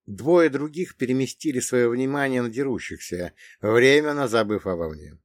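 A man's voice: medium pitch, lively intonation, normal speed, dry recording, studio quality. A man narrating a first-person story with wry, ironic asides. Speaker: audiobook narrator.

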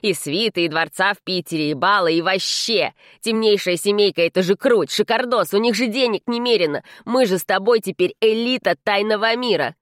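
A woman's voice: medium pitch, a little fast, few pauses, dry recording, clean studio sound, voice pushed up, lightly acted. A woman doing a cheeky little house spirit. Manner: brash, slangy, mocking. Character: cheeky scrawny male teen house spirit. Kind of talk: audiobook character reading.

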